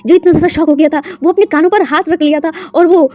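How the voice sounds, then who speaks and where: A woman retelling a story in a chatty, loose manner, sprinkled with English words and fillers. Her voice is high yet mellow and soft in tone. The recording sounds slightly muffled and lo-fi. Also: steady tone, fast. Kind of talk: casual story narration.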